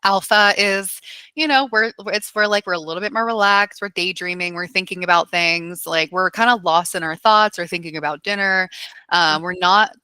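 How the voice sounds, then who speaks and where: A woman hypnotherapist, a podcast guest, explaining hypnosis in a casual, animated way with frequent laughs and fillers. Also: on the low side, moderate pace, smooth, no echo.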